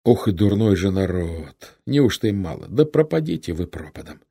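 A man voicing an exhausted, dazed young male gunner who talks weakly and slowly. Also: low-pitched, big pitch swings, warm tone, husky, heavily acted. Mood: weary gruff. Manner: weak, mumbling, slow.

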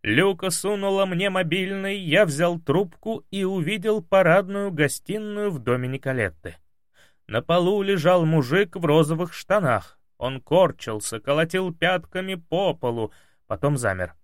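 A man narrates an audiobook with a lively, expressive reading. His voice sits fairly high for a man and swings widely in pitch. The studio sound is dry and close, with no echo. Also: unhurried.

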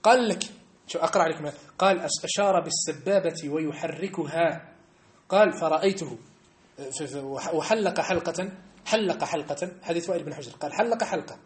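A man teaching a lesson in a mosque, animated and argumentative, challenging his listeners directly. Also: on the high side, fast. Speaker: religious teacher.

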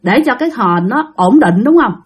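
Animated woman telling a ghost story. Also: fairly high pitch, normal speed, slightly rough. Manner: animated, addresses listeners directly, repeats for emphasis. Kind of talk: conversational ghost story narration.

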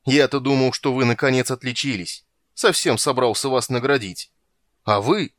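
A man reading a story aloud and voicing an irritable, blustering male sea king who shouts and grumbles. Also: medium pitch, very animated, normal speed, no room sound, clean studio sound. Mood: furious. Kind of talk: audiobook reading.

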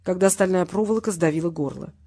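A woman narrating a crime novel as an audiobook, in an even, measured reading. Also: fairly low pitch, husky.

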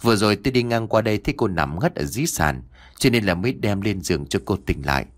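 A man voicing a calm, kind young soldier who speaks softly and reassuringly. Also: lowish voice, fast, natural voice. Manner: soft, reassuring.

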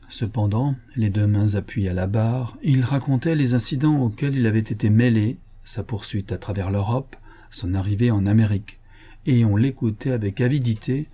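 A man reading a classic French detective story aloud in a measured, steady narration. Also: on the low side, breathy edge. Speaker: audiobook narrator. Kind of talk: scripted narration.

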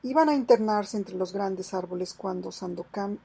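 A woman narrating a novel as an audiobook reader, steady and measured. Her voice is strongly gravelly and quite husky. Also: mid-range voice. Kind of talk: scripted narration.

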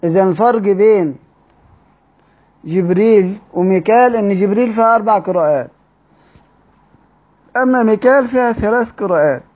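A man with an Egyptian accent teaching Quranic readings in a study-circle lecture, explaining step by step and drawing out key words slowly. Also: high-pitched, darkish tone. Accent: Egyptian Arabic. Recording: dull lo-fi recording.

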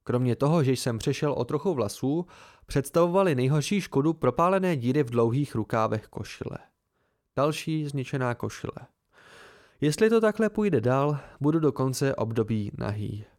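A man's voice: medium pitch, animated, darkish tone. A man reading a novel aloud in the first person, as an amateur audiobook narrator.

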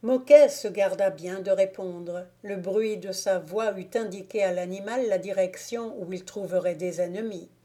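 A woman narrating a classic novel as a volunteer audiobook reader, in a slow, measured, soft-spoken way. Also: mid-range voice. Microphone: home recording, volunteer reader.

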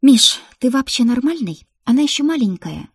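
Audiobook: woman reading a cheeky young mother, bright teasing lift, husky. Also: fairly high pitch, normal speed, no echo, clean studio sound, pitched above the performer's own voice. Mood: exasperated. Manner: teasing, lively. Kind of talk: audiobook character voice.

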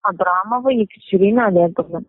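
Fast-talking female customer service agent on phone. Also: medium pitch, no room sound. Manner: formal, official customer service voice. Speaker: debt collection agent at a bank call centre. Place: phone call. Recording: narrow-band, muffled telephone line.

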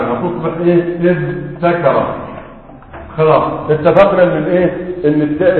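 A man with an Egyptian accent teaching Arabic morphology as a sheikh, drilling students with repeated questions and then answering himself. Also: on the high side. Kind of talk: classroom explanation. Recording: echoey hall on a tinny line.

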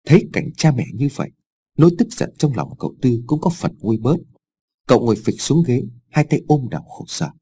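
A man's voice: mid-range voice, very animated, a little fast, dark tone, breathy edge. A man reading a dramatic story aloud as an audiobook narrator. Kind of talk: scripted narration.

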